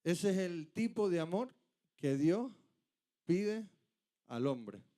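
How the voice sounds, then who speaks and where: High-voiced emphatic preacher man. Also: very animated, takes it slowly, dark tone. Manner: emphatic, rhetorical questions, rising to urgent peaks. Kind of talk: sermon.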